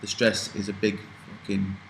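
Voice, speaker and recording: In a casual Q&A vlog, a young UK man in his twenties answers viewer questions in a slightly low, completely flat voice at normal speed. He rambles, swears freely, trails off and restarts, over a low-quality recording with light background hiss.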